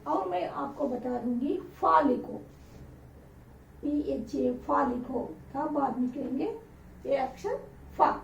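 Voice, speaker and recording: A woman's voice: high voice, slow, vocal fry, pauses often, a little hiss or hum. A woman teacher giving a patient alphabet lesson, repeating each letter with example words as she dictates. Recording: roomy, distant, dull lo-fi sound.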